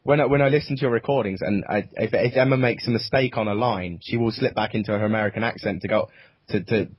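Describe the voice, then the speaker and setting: A man's voice: on the low side, slightly rough, no echo. A young man, writer and producer of an audio drama, talking in a casual interview with many restarts. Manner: halting, full of restarts. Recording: dull, dry lo-fi sound.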